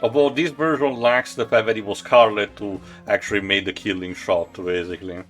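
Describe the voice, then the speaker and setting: A man's voice: lowish voice, steady tone, fairly quick, fairly bright tone, faint music behind. A man hosting a let's play, giving casual, explanatory commentary and plot narration with a wry manner.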